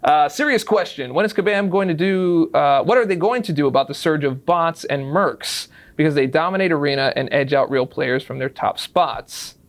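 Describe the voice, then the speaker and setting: A man interviews a developer in a relaxed, conversational way, working through questions sent in by viewers. His voice sits a little high for a man, and he pads his lines with easy fillers as he goes. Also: normal speed, hardly any pauses. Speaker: interviewer, community content host. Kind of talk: casual interview.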